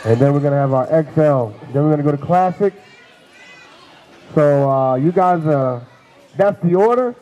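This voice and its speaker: A man announcing classes at a dog show, loudly chanting out the class names to the ring. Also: fairly high pitch, animated, normal speed, long pauses, dull audio, a faint crowd. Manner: loud, chanting calls of age classes. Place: large indoor show venue.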